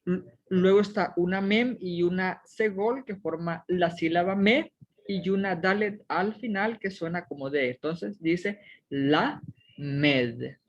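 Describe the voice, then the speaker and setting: A woman's voice: mid-range voice, measured pace, lo-fi sound. A woman teaching a Hebrew reading lesson, methodically sounding out each syllable step by step.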